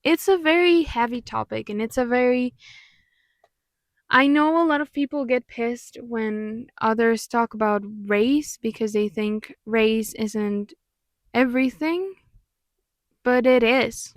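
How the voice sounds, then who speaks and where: A young woman from Mexico, a native Spanish speaker with a Mexican accent, talks slowly in a voice on the high side. The clean studio sound has no echo as the vlogger and pop artist gives candid, earnest reflections, occasionally exasperated.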